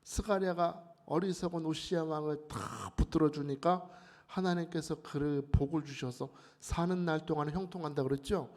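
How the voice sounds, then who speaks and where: A man preaching a sermon at a dawn prayer meeting, emphatic, with sudden louder rises. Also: fairly high pitch, steady tone, normal speed.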